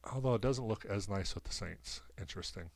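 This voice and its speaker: A man's voice: fairly low pitch, brisk, no room sound. A man with a cold streaming a video game, rambling and thinking aloud as he sets things up. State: sick with a cold, coughing. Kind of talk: casual commentary while setting up a video game.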